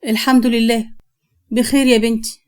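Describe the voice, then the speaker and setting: A woman's voice: fairly high pitch, flat delivery, a little fast, clean tone, close to an everyday voice. A woman with an Egyptian accent voicing a weary, bitter older mother speaking from her sickbed. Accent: Egyptian Arabic.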